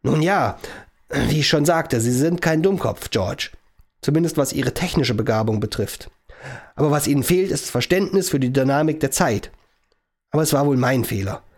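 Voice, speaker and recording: A man voicing an irritable male professor who invented a time machine, talking in a sharp, lecturing, commanding way. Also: medium pitch, animated, normal speed.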